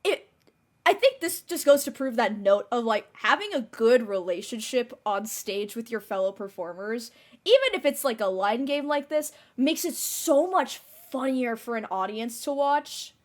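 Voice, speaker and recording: A woman's voice: a little high, expressive, moderate pace. A young woman co-hosting a casual recap podcast, enthusiastic and explaining context for listeners. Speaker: podcast co-host.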